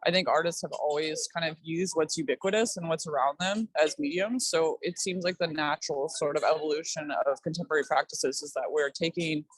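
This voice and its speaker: A woman's voice: low-pitched, fairly quick, hardly any pauses, breathy edge, no echo, poor audio. A woman artist talking about her work in a casual, reflective way, her speech loose and peppered with filler words. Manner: thoughtful, loose, peppered with "like" and "kind of".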